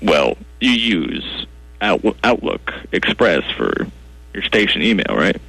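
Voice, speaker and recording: A man's voice: deep voice, big pitch swings, creaky, pushed and bright, no room sound, heavily acted, rough recording. A man playing a clueless, defensive tech support guy who sighs and gets baffled by simple questions. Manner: slow, baffled, defensive, sighing. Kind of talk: comedy sketch acting.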